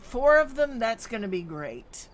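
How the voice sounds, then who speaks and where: A woman's voice: on the high side, very animated, a little slow, slight background noise. A woman streaming a city-building game, thinking aloud as she plays, with plenty of hums and ums. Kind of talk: live gameplay commentary.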